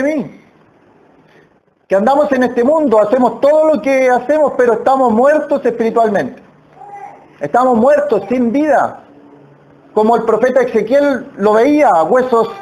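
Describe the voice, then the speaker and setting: A man delivers a sermon with a strikingly high-pitched voice. He preaches earnestly, stretching out key phrases and repeating words for emphasis, as a lay preacher in a church. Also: a little mellow. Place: church hall.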